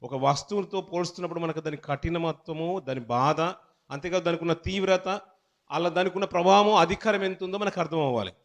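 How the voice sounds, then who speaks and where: A man preaching a sermon as a pastor. He reads scripture slowly and loudly, then explains it in a conversational way, often restarting words and calling his listeners children. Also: fairly high pitch.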